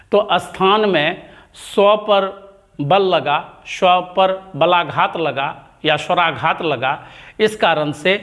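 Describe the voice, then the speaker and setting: A man teaching Hindi grammar in a dictation-style lesson, repeating each term slowly with long pauses between words. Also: fairly high pitch, fairly bright tone.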